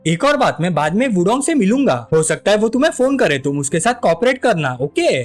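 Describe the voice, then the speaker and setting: A man voicing a calm, self-assured young male genius in a story recap, in a cool, unhurried manner. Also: high voice, faint music behind.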